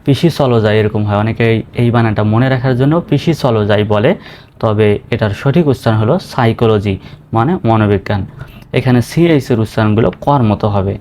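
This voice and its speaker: A man with a Bangladeshi accent teaching spelling and pronunciation, spelling words letter by letter and then saying them slowly. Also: fairly low pitch, a little mellow. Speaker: English teacher. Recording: faint background noise.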